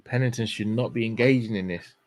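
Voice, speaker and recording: A man with a fairly low voice calmly analyses a live fight, pointing out what each fighter should do. The recording sounds dry and close, with no room echo. His delivery is steady and matter-of-fact. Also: brisk. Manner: analytical, gives tactical advice to fighters. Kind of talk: casual live fight commentary.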